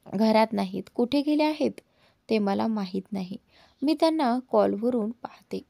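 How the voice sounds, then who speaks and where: A woman voicing a caring young woman who speaks with gentle concern. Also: on the high side, expressive, a little slow, creaky, no echo.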